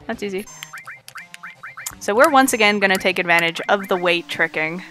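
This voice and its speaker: Talking at normal speed over music, a woman with a mid-range voice jokes with chat while commenting live on her speedrun. She sounds Canadian, touched by a slight Newfoundland lilt, and keeps things chatty and playful.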